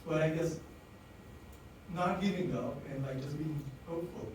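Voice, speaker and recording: Speaking at a moderate pace in a slightly high voice, an Indian-accented man shares personal stories with an audience at a design event. His storytelling is candid and full of fillers, recorded from afar in an echoey space with background noise.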